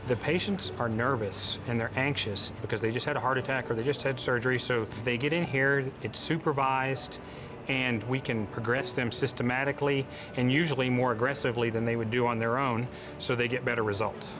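A man's voice: mid-range voice, steady tone, brisk, noisy background. A male clinician speaks confidently and matter-of-factly about rehab outcomes in an interview in an indoor gym, on a lapel mic. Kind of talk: documentary interview.

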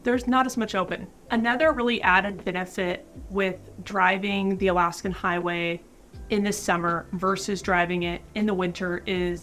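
A young woman talking casually to the camera as a vlogger, giving relaxed, informal advice with fillers, seated in a wood-panelled room. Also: medium pitch.

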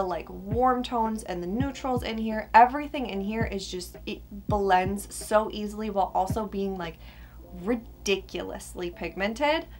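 A young woman beauty vlogger chats to camera from a small furnished room, ranking products emphatically and swearing casually. Her voice is medium-pitched and gravelly, with a whistling s.

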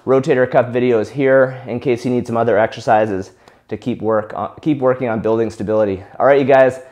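A man's voice: medium pitch, brisk. Man coaching shoulder exercises. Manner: relaxed coaching, talks while demonstrating. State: out of breath during exercise. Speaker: physical therapy instructor. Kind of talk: instructional exercise demonstration.

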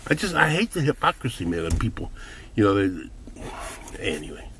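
A man's voice: fairly low pitch, sing-song, a little fast, fairly bright tone, slight background noise. An older man giving a blunt, profane vlog rant while running errands. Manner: blunt, profane, ranting, heated bursts. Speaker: vlogger.

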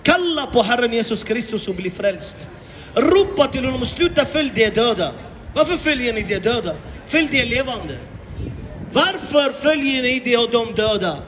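On a city street, a man preaches outdoors to passers-by in an impassioned open-air evangelistic style, repeating rhetorical questions again and again. His voice is extremely high, animated, and a bit bright, with a big-room sound and slight background noise.

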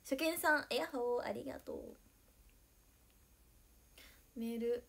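Young woman, high bright voice, bubbly livestream chatter, giggly, reads out viewer comments. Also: takes it slowly, vocal fry. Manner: excitable, giggly, thanks viewers by name. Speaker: idol livestreamer. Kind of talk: casual livestream chat reading viewer comments.

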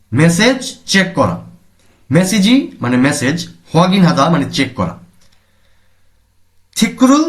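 Bangladeshi guy teaching a lesson, voice a bit on the high side, repeats words and quizzes himself. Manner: explains each word in Bengali, repeats terms, asks and answers his own questions. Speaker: Korean language teacher. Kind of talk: recorded language lesson.

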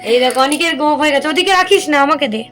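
A young mother vlogs from her home kitchen, walking viewers through her cooking in a chatty, step-by-step way. Her voice sits high and bright, and she slips into a coaxing, sing-song tone with her little ones. Background music runs clearly under her talk. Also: lively intonation, fast. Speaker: lifestyle vlogger and mother. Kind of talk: casual home vlog narration.

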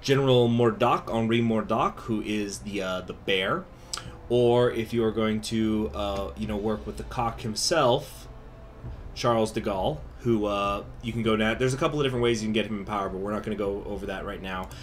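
A man's voice: lowish voice, normal speed, slight background noise. A man speaking through a face mask, giving a chatty, informal strategy game tutorial as the host. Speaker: gaming video host. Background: music.

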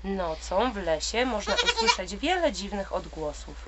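A woman doing a sleepy, low-voiced deer. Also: wildly swooping pitch, moderate pace, very noisy. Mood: soothing. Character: big calm weary male deer.

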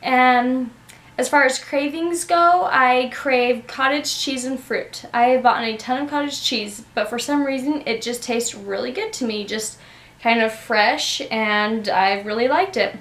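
A woman's voice: high voice, unhurried, a bit bright, reverberant. A young woman chatting in a casual, upbeat home vlog, slightly out of breath as she talks. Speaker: vlogger.

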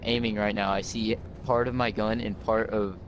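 Low-voiced, laid-back gamer man. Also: little pitch movement, normal speed, muffled recording, slight background noise. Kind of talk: casual gameplay chat.

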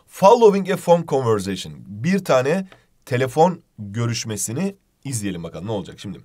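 A man teaching an exam-prep English lesson, jokey and animated, explaining each phrase in two languages. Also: mid-range voice, a little fast.

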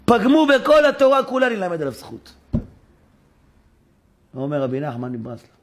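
The recording has a little hiss or hum as a rabbi preaches animatedly in a synagogue, acting out conversations with abrupt high-pitched exclamations.

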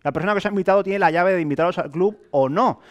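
In an indoor hotel meeting room, a young Spanish-accented sales presenter addresses a small crowd at rapid-fire speed, and the recording's highs are cut off. He has a somewhat high male voice and sells in a colloquial, lively way, tossing out rhetorical questions and ordinary examples.

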